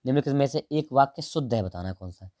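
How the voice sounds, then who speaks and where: A man teaching exam prep, going through answers one option at a time in a casual, direct way and drawing some words out slowly. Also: medium pitch, expressive, darkish tone, no room sound, studio quality. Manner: explains each option, stretches out words while writing; casual and direct, calls the listener brother. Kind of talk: answer-key walkthrough lesson.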